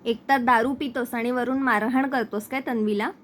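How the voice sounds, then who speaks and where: A woman's voice: fairly high pitch, fairly even intonation, moderate pace, fairly bright tone, slight background noise, natural voice. A woman reading a possessive young boyfriend. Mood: confronting. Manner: plain reading of quoted lines.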